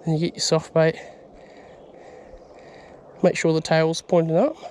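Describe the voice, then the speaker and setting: A man's voice: on the high side, unhurried. A young man, chatting casually and explaining his fishing on a riverbank, recorded on a body-worn action camera. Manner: excitable, slangy, explains as he goes. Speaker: fishing vlogger. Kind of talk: casual outdoor fishing chat. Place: riverbank outdoors. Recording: faint outdoor noise.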